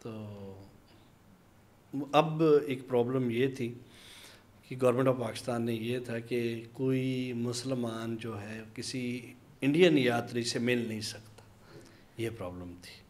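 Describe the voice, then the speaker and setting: A man from Pakistan, an interview guest telling a long anecdote. He pauses to hesitate and acts out the voices of the people in his story. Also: medium pitch, darkish tone. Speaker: interview guest, minority community leader. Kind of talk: conversational storytelling.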